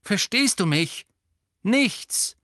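Man voicing grown male teacher, calm, slow, firm, a bit raised, audiobook reading. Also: a little high, dry recording, studio quality, voice pushed up. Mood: stern. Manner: slow and measured, turning stern.

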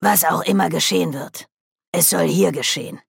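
A woman's voice: on the low side, normal speed, vocal fry, slightly rough, dry recording, clean studio sound, full character voice. A woman reading an audiobook, voicing a stern, proud old witch in a curt, commanding way. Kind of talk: audiobook character voice.

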